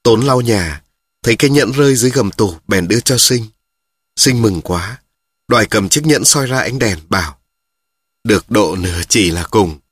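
Husky male storyteller. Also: medium pitch, animated, normal speed, fairly bright tone, dry recording, clean studio sound. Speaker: narrator. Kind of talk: audiobook narration.

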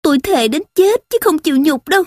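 A woman's voice: expressive, fairly quick, darkish tone, no echo, clean studio sound. A woman playing a wailing young concubine. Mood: anguished. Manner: wailing, high-pitched lament.

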